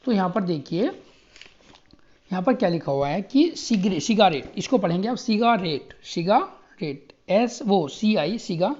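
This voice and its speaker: A man teaching an exam coaching lesson, spelling words out letter by letter and often pausing to check that students follow. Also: high-pitched, animated, warm tone. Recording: muffled lo-fi recording.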